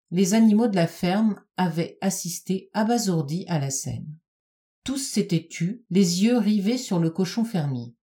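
A woman narrating a children's storybook in a calm, even reading voice. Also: on the low side.

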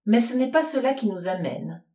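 A young lady, courteous on the surface but quietly laughing underneath, as a woman reading a storybook puts her on. Her voice sounds roomy and echoey. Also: a little high, animated, moderate pace, pitched above the performer's own voice, natural voice. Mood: polite. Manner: polite with hidden mockery. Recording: roomy echo.

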